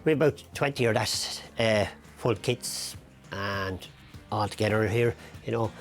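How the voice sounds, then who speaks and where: An Irish man, a mechanic, explaining his routine informally in a halting, plain-spoken way. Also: fairly low pitch, faint music behind. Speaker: lifeboat mechanic.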